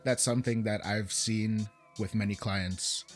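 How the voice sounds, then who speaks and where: A man's voice: lowish voice, fairly even intonation, measured pace, faint music behind. A young man co-hosting a casual podcast, a fitness coach giving laid-back, earnest advice. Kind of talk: casual chat.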